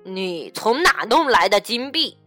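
A woman voicing a greedy, bullying male bandit chief and his bandits in a storybook reading, with loud, gruff shouting. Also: on the high side, sing-song, measured pace, faint music behind. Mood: greedy excited.

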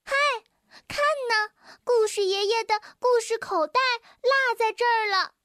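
A woman voicing a group of eager, excitable little chicks in a children's storybook. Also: unhurried, no room sound, studio quality. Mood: excited. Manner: squeaky, eager, pleading. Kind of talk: storybook reading.

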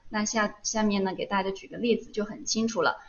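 A woman's voice: medium pitch, steady tone, a little fast. A patient woman teaches an online class, often asking questions and then answering them herself. Her voice sits in the middle range, and the recording sounds slightly dull. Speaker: Korean language teacher. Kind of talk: online live lesson.

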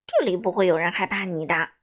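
A woman voicing a good-natured, sleepy male painter in a storybook, mumbling softly. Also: a little high, very animated, moderate pace. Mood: content. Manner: mumbling, drowsy.

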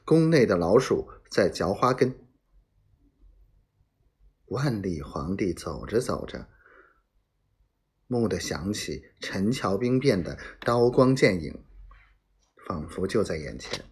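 Slow, lively-pitched male storyteller. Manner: dramatic, voices sound effects in hushed whispers. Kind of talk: serialized historical novel reading.

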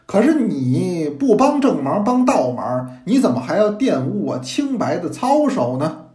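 A man's voice: high voice, very animated, a little slow, mellow, roomy sound, slight background noise. A man voicing a stern, upright official uncle scolding his nephew in a storytelling. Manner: stern, reproachful.

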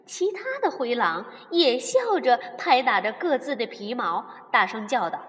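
Storytelling host: woman, high lively voice, slow reading for kids, long reverb. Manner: warm, expressive, addresses children as darlings. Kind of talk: children's storytelling.

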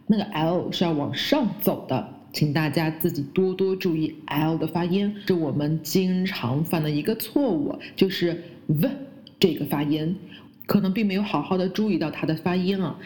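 A woman who speaks Chinese as her first language, teaching English pronunciation and slowly repeating the English words she models. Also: fairly low pitch, mellow. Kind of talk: pronunciation lesson.

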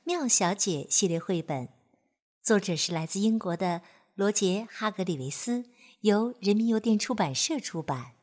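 A woman storyteller reading a picture book aloud to children, gentle and expressive. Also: medium pitch, moderate pace.

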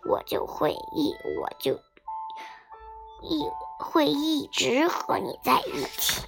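Brief: a woman reading a gruff but tender tyrannosaurus dad in a kids' storybook, hushed and gentle, slightly gravelly, with music behind. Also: high voice, sing-song, slow pace, full character voice.

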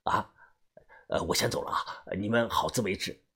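A man's voice: medium pitch, sing-song, normal speed, a little mellow, breathy edge. A man voicing a nervous hired guide in an audiobook, stammering and full of hesitations. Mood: anxious. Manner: stammering with many fillers.

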